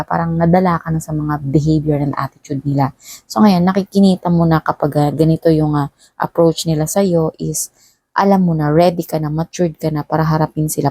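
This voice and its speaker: A woman from the Philippines talks the viewer through a tarot reading in a chatty way, tossing in tag questions as she goes. Her voice sits low and mellow. The sound is dry and close. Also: no room sound. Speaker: tarot reader.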